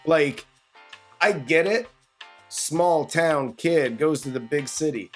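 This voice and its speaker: A man's voice: on the high side, takes it slowly, soft background music. A man co-hosting a casual movie review podcast, ranting and swearing in a rambling way. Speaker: podcast co-host.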